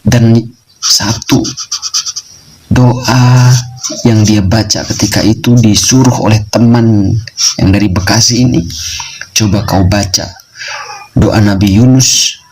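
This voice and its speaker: A man's voice: fairly low pitch, fairly even intonation, slow pace, pauses often, a little mellow, a little hiss or hum, poor audio. A man telling a religious testimony story in a preaching style, repeating phrases for emphasis and addressing his listeners as friends.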